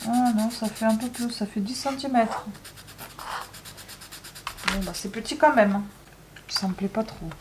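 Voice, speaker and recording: A woman's voice: fairly high pitch, unhurried, pauses often, background noise. A woman vlogging casually while building a craft, joking and grumbling with lots of asides. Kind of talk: casual chat vlog.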